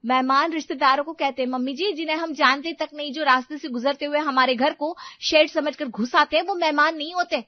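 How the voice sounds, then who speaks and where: A woman voicing a sharp-tongued young daughter-in-law who complains with indignation. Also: high-pitched, fairly even intonation, brisk, hardly any pauses, dry recording, close to an everyday voice. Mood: indignant. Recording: dry, slightly dull sound.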